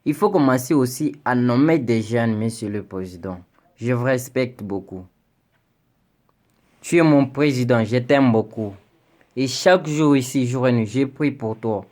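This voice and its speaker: In an unhurried, somewhat mellow medium-pitched voice, a young Congolese citizen pleads with his president by video. His earnest appeal builds toward indignation, and he stammers, repeating words.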